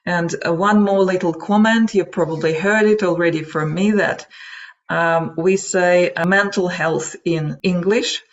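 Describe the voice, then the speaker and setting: Over dull, lo-fi webinar audio, a Russian-accented native Russian speaker lectures online in an unhurried, steady, medium-pitched voice. The explanation comes in casual, hesitant wording, often broken by asides.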